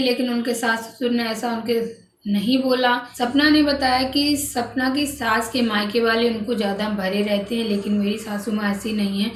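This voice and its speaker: Chatty woman vlogger in echoey room. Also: a little high. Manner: chatty, repeats "guys", frequent restarts. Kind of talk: casual gossip narration to viewers. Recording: echoey room, distant mic, faint background noise.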